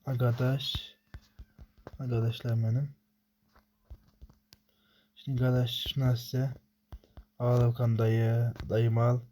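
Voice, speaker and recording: A young man commentating his own gameplay, talking to himself in rapid muttered repetitions and swearing when frustrated. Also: mid-range voice, flat delivery, mellow, a little hiss or hum. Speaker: gamer.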